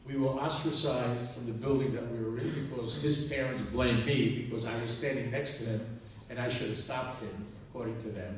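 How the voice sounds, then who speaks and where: A man's voice: mid-range voice, slight background noise. Older man telling his story in an echoey hall. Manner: slow, deliberate telling with quoted dialogue. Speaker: Holocaust survivor speaking at a school. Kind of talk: personal storytelling to students. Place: school auditorium. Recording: very echoey hall, from far off, faint ambience.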